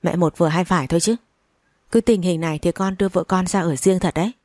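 A woman's voice: on the low side, fast, warm tone, no room sound, lightly acted. A woman voicing a young husband who scolds his mother in a raised, reproachful voice.

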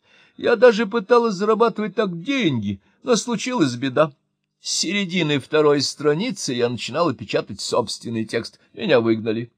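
A man's voice: fairly high pitch, lively intonation, normal speed, dry recording, pitched above the performer's own voice. A man doing a fussy, proud old mother. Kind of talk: audiobook character voice.

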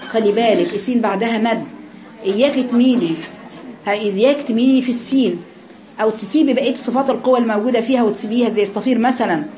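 A woman's voice: a little high, racing, mellow, slight background noise. A woman with an Egyptian accent teaching a tajweed class, coaching her students and demonstrating sounds over and over. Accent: Egyptian Arabic. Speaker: Quran recitation teacher.

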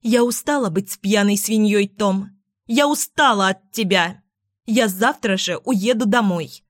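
A woman's voice: medium pitch, a little slow, no echo, clean studio sound, lightly acted. A woman reading a fed-up, exasperated wife. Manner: sharp, exasperated. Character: angry, fed-up adult woman. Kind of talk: audiobook character voice.

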